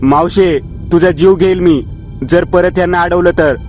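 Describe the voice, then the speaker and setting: A man's voice: a little high, flat delivery, brisk, a little mellow, soft background music, pitched above the performer's own voice, lightly acted. A man voicing a defiant, hot-tempered young man in a storybook horror tale, raising his voice in anger. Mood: furious. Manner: pleading and angry outbursts.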